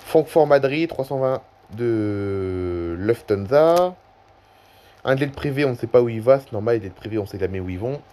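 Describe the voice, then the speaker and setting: A man's voice: mid-range voice, animated, normal speed, dark tone. A man casually commenting on a live flight-tracking map he is clicking through, hesitating, rambling and correcting himself as he goes. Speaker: YouTuber. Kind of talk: casual screen-recording commentary.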